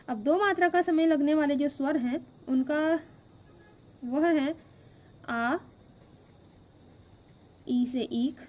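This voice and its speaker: A woman's voice: high-pitched, dark tone, dull audio. A woman teaching a grammar lesson step by step, asking questions and then answering them herself. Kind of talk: classroom-style grammar lesson.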